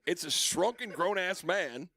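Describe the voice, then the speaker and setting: A man's voice: high-pitched, lively intonation, unhurried, pushed and bright, no room sound. A man co-hosting a talk radio show, joking around and laughing often. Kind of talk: casual banter.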